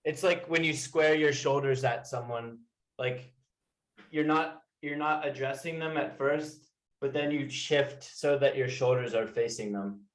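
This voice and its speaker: A man's voice: mid-range voice, measured pace. A man tutoring English one to one, explaining informally with everyday examples. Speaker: English teacher.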